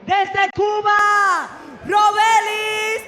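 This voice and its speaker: A man working as a bilingual ring announcer in a lucha libre style, booming and stretching out fighters' names. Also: level tone, drawn-out words, raised voice. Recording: live arena PA, noisy crowd.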